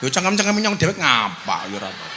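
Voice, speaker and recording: A man, preaching to a crowd in a loud, teasing, joking way. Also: mid-range voice, big pitch swings, quick pace. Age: 40s. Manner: loud, bantering, teasing the audience. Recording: long hall echo, faint noise.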